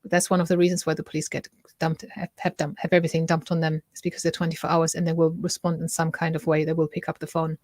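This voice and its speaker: A middle-aged woman with a German accent hosts a casual talk to camera, her lowish voice steady and quick, captured close and dry without echo. She's chatty, often breaking off mid-thought to correct herself, and keeps asking viewers what they think.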